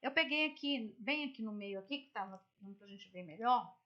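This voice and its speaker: High-voiced chatty Brazilian woman teacher. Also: lively intonation, moderate pace, dull audio. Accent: Brazilian Portuguese. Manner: chatty and explanatory, frequent "tá?" and "né?" checks. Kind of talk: online literature lesson, screen-share explanation.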